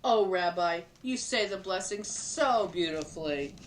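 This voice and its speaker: A woman reading a storybook aloud, voicing a kindly, teasing old grandmother in a high, sing-song voice. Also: lively intonation, unhurried, recorded from a distance, slight background noise, poor audio. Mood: fond.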